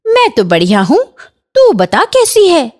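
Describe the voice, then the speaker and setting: A woman's voice: high-pitched, wildly swooping pitch, unhurried, voice pushed up, full character voice. A woman voicing a bossy, demanding older aunt in a Hindi cartoon, complaining and scolding. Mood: fussy.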